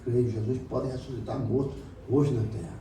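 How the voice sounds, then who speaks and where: Pastor guy preaching hard, dark mellow voice, echoey church heard from far off. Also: medium pitch, steady tone, moderate pace, a little hiss or hum. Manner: impassioned preaching, swings from quiet storytelling to loud exclamations. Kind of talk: sermon. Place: church meeting room. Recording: roomy hall recorded from a distance.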